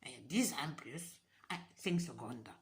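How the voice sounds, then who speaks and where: A woman with a deep, low-set voice rants casually to her viewers. She swings from loud outbursts down to hushed whispers and repeats words for effect. She swears freely along the way. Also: expressive, moderate pace. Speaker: vlogger. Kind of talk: casual rant monologue.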